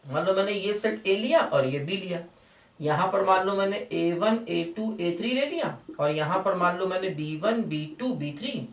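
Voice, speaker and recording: A man's voice: high-pitched, animated, moderate pace. A man teaching a maths lecture to students online, in a fatherly way, addressing them as children and repeatedly telling them to look and pay attention. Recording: roomy echo, mic at a distance.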